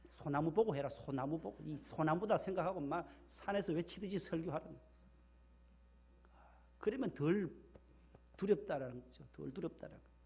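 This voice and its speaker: A middle-aged pastor from South Korea's Gyeongsang region preaches a sermon in a high-pitched, husky voice with a darkish tone. He tells folksy personal stories and repeats phrases for emphasis.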